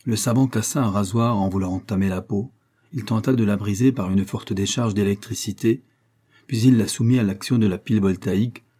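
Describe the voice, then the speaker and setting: Low husky male audiobook narrator. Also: fairly quick, warm tone.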